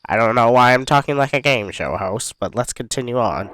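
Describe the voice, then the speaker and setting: A man giving casual let's-play commentary on a music game, relaxed and hesitant with many fillers. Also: medium pitch, brisk, noisy background. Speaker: gaming YouTuber. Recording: music playing behind the voice.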